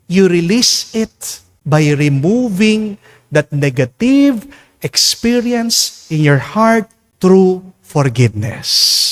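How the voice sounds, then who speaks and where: A Filipino priest preaches with a fairly high voice that swings widely up and down in pitch. He delivers an emphatic homily at Mass and keeps turning to the congregation with questions. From Philippines. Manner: emphatic preaching, mixing in English, often calling out "Amen?" to the congregation. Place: church during Mass.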